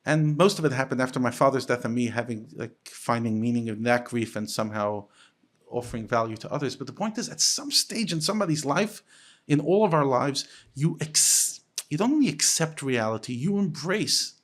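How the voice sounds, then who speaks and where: Man, rabbi, from the United States, podcast guest, casual conversation, animated, restarts and repeats words, mid-pitched voice. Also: normal speed. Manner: animated, lifts his pitch sharply when quoting others.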